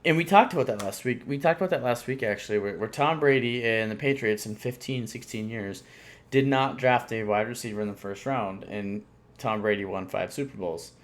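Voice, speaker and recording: A man's voice: fairly low pitch, a little fast. A man co-hosting a sports podcast in casual chat, rambling with lots of fillers and restarts. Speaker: podcast co-host.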